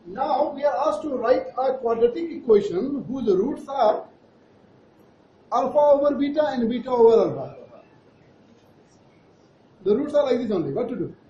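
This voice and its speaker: A man's voice: extremely high pitch, animated, normal speed, long pauses, warm tone. A man with an Indian accent teaching maths to a class in a playful, teasing way, checking in with questions. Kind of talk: interactive classroom lesson. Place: classroom at a board. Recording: echoey, noisy, muffled classroom, far from mic.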